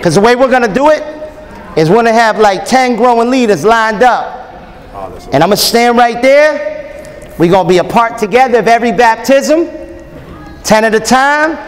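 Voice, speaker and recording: A preacher in his thirties with an extremely high pitch speaks at a moderate pace and pauses often. His sermon at a hotel-ballroom conference is animated and joking, with call-and-response to the crowd, long hall reverb and faint audience sound.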